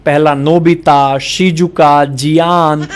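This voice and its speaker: A man's voice: a little high, fairly even intonation, slow, slight background noise. A man reading out a string of jokes and acting out the quoted lines. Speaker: joke teller.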